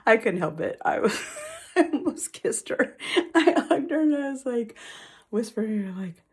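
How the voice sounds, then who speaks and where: Bubbly, excitable woman vlogger. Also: on the high side, unhurried, breathy edge. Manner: excitable and bubbly, with sudden hushed asides. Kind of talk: casual vlog chat.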